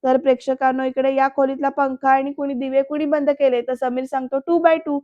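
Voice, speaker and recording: Woman recapping a TV episode, chatty, talks straight to viewers, high flat voice, dull dry sound. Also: brisk, no echo. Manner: chatty, keeps addressing viewers directly.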